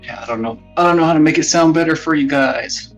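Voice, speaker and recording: A man's voice: a little high, fast talker, recorded from a distance. A man chatting casually on a live stream, rambling, swearing and mocking himself, heard through a phone mic with a boxy speakerphone sound, as if inside a box. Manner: rambling, swearing, self-mocking, often muttering under his breath. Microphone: phone used as a wireless webcam mic. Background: faint background music.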